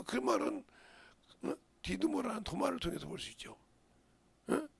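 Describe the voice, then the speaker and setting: A middle-aged male pastor preaching a sermon with passion, often asking his congregation questions and breaking into loud outbursts. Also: high-pitched, creaky. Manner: asks the congregation questions, interjects "어?".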